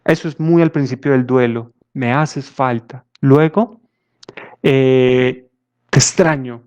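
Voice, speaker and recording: Male psychologist, mid pitch, lively talk with acted asides, dull recording. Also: slow, clean tone. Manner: animated, acts out little dialogues. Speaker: psychologist giving a talk on grief. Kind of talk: conversational talk to an audience. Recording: dull lo-fi audio.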